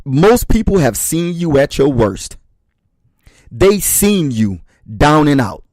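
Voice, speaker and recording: Male motivational speaker, slightly high voice, slow and deliberate delivery, emphatic refrains, dry close sound. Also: very animated, darkish tone, dry recording. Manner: emphatic, repeats short refrains; addresses listeners as brothers and sisters. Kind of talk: motivational speech.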